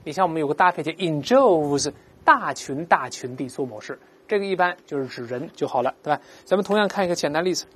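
Her voice is deep with a breathy edge, and she's animated as she teaches English vocabulary. Patiently explaining words, she slowly models how to say them for students to repeat and frequently checks with "right?"

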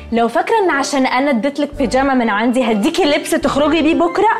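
Stuck-up spoiled girl, egyptian accent, high and quick, tosses in english words. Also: animated, faint music behind. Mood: haughty. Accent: Egyptian Arabic. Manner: snobbish, dismissive, drops English words. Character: haughty spoiled young woman, curt and dismissive. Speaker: Nelly, comic film character. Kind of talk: Egyptian comedy film acting.

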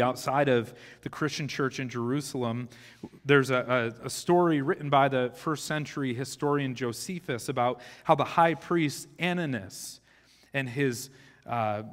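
A man in his thirties, a pastor, giving a conversational teaching sermon on a church stage with a live audience. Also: medium pitch. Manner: conversational teaching with occasional restarts, gesturing on stage. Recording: long hall reverb of a church sanctuary.

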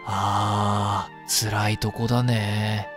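With a deep, level voice over background music, a performer in a comedic voice drama plays a cheeky, incredulous young man. His lines are slangy, quick to react and exclamatory, with a sympathetic mood.

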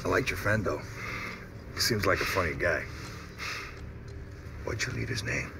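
A man's voice: sits low, lively intonation, moderate pace, noisy background. An actor playing a tough cop in his forties in a film, terse, sardonic and menacing. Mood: sardonic menace. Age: 40s. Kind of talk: film acting. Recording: loud film music behind.

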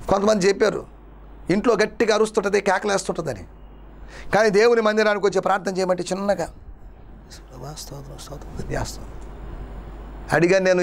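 A man preaching as a pastor, his voice pitched high with a rough, gravelly edge. He builds his points through repetition and rhetorical questions put to the congregation. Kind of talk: Telugu sermon.

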